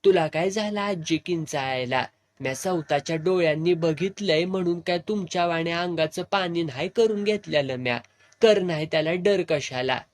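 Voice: medium pitch, moderate pace, lightly acted. A fearless young village woman with a rural Satara accent who speaks with firm defiance, played by a storyteller. She gives blunt orders and does not back down. It sounds like a spoken audiobook. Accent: rural Satara Marathi.

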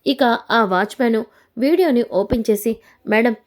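A woman recounts a drama serial episode in a storytelling voice that sits a little high. She reads the characters' lines with dramatic shifts in feeling. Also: normal speed, a little mellow. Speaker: narrator retelling a TV serial episode. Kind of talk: storytelling recap with voiced quotes.

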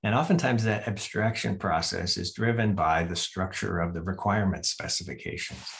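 A middle-aged man with a fairly low voice walks through a technical lecture over a video call. He explains step by step, pausing with "uh" and correcting himself mid-sentence. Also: gravelly, a bit bright. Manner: explanatory, with frequent "uh" pauses and self-corrections. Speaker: professor giving a keynote talk. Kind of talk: academic lecture over slides.

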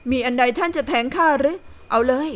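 Woman reading a taunting young lord, scornful, slow and drawn out, slightly high voice. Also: natural voice. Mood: mocking. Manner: mocking, taunting. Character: sneering arrogant young nobleman.

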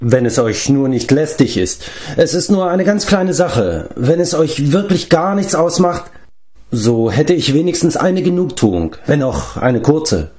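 A man's voice: on the high side, sing-song, measured pace, darkish tone, pitched above the performer's own voice. A man voicing a whiny, self-pitying male giant in an audiobook reading, wailing his complaints. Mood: wheedling.

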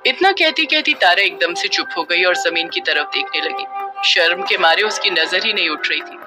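A woman's voice: fairly low pitch, lively intonation, normal speed, music in the background. A woman narrating a serialized horror story, voicing every character herself.

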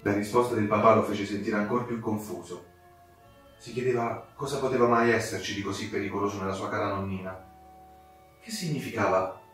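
A man narrating a fairy tale for children with expressive, dramatic delivery. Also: lowish voice. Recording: very echoey room, distant mic, soft music.

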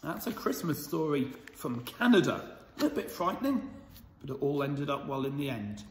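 A man reading a picture book aloud to children, gentle and chatty, stopping to point at the pictures and ask questions. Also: on the high side, sing-song, normal speed. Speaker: storyteller. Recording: roomy with long reverb.

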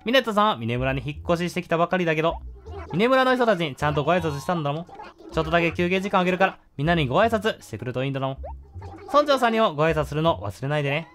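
A man's voice: on the high side, expressive, racing, fairly bright tone, faint music behind. A man reading a chatty raccoon shopkeeper. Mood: coaxing. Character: chatty raccoon shopkeeper, bossy but kind.

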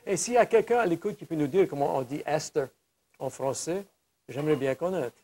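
Male host, halting, repeats himself, slightly high voice. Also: warm tone. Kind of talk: casual chat.

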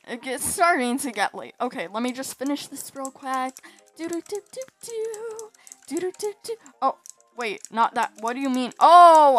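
A woman's voice: fairly high pitch, a bit bright. A woman giving chatty gameplay commentary, often exasperated and exclaiming as she plays. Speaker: gaming YouTuber.

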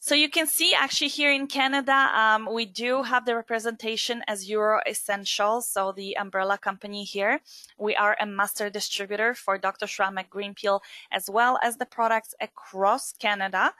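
Woman from Poland, webinar presenter, chatty and filler-heavy, bright tone, dry mic. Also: mid-range voice, steady tone, normal speed, no room sound. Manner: chatty, many fillers and asides. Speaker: skincare distributor presenter.

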